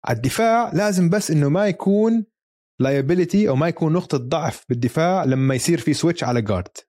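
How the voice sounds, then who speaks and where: A man's voice: fairly high pitch, expressive, fast talker, a little mellow, no echo, clean studio sound. A man with a Levantine Arabic accent chatting casually about sport as a co-host, dropping English terms into his Arabic. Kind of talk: casual basketball chat.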